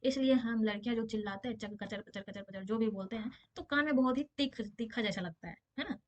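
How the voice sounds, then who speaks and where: A woman's voice: fairly high pitch, fast, dull audio. A woman physics teacher giving a casual exam-prep lesson, explaining with everyday examples and often checking that her students understand.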